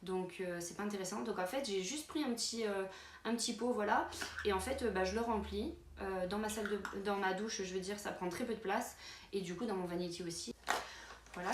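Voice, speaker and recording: A woman at a middle pitch walks viewers through her toiletry bag in an easy, rambling way. She keeps stopping on fillers and restarting her sentences. The room around her adds an echo, and faint noise sits underneath. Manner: chatty, many fillers and restarts. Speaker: beauty vlogger. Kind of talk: casual product walkthrough. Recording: roomy with faint background noise.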